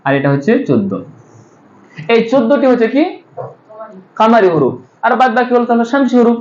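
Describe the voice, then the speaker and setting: A high-pitched man teaches a grammar class. He explains each step, poses questions to the students and answers them himself, pausing on fillers as he thinks. The sound is roomy and somewhat dull, as if recorded lo-fi in a classroom. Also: big pitch swings, darkish tone, a little hiss or hum. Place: madrasa classroom. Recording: echoey room, dull lo-fi sound.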